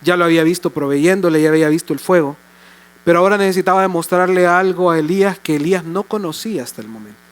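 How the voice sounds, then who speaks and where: An older man preaching a sermon as pastor in a church, fervent at times and soft and tender at others. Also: high-pitched, quick pace, clean tone.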